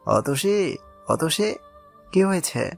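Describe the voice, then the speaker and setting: Brief: man as anxious young husband, steady mid pitch, firm hushed delivery, audio drama. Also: moderate pace, creaky. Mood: worried. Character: nervous young groom, worried then stern. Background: soft background music.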